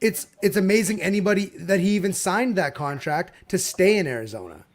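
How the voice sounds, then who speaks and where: A man's voice: high voice, expressive, brisk. A man in a casual sports debate, heated and swearing freely, often repeating himself.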